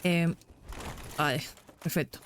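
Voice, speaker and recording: Excitable young Spanish woman streaming. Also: lowish voice, slow, slight background noise. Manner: chatty and excitable, breaks into squeals. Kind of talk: casual gameplay commentary.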